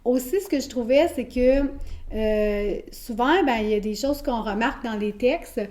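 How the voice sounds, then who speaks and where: In an interview, a woman who teaches elementary school describes her approach to teaching, speaking with a Québécois French accent. Her explanations are patient, punctuated by frequent hesitations, and her slightly mellow voice runs on the high side at an ordinary pace.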